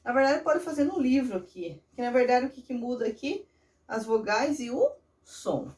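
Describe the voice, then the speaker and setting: A woman's voice: a little high, lively intonation, normal speed, a little mellow, far from the mic. A woman primary school teacher with a Brazilian Portuguese accent, patiently guiding children step by step through workbook exercises. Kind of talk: remote lesson walkthrough of a workbook.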